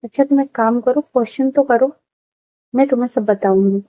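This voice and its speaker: Woman doing a chill teasing 30 yr old lady, hoarse, warm tone, dry close mic. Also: on the high side, brisk, no echo, close to an everyday voice, rough recording. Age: 30s. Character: relaxed teasing woman of thirty.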